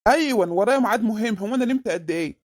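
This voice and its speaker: Woman voicing a smooth-talking cheating husband, Zaghloul. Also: mid-range voice, animated, no echo, natural voice. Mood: grumpy. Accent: Egyptian Arabic. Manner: sweet-talking, evasive, fast. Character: scheming middle-aged married man, smooth-talking cheat. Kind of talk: comic cartoon dialogue.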